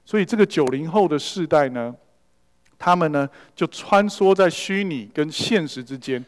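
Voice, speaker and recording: A man's voice: on the high side, expressive, normal speed. A man preaching a sermon in a church hall and telling stories, slipping English words into his speech. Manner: storytelling preacher who mixes in English words. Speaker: pastor. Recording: long reverb of a large hall.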